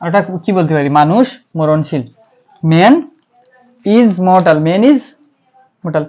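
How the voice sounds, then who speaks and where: This is a classroom-style English grammar lecture from a man with a Bangladeshi accent, whose fairly high, slightly mellow voice is expressive and slow. He answers the questions he asks and spells out words letter by letter, captured in slightly dull, lo-fi audio.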